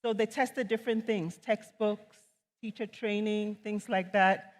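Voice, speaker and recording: Woman economist from Ghana, measured conference speaker, mid pitch, long hall reverb on a stage mic. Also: steady tone. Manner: measured, earnest, with frequent ums. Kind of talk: conference talk.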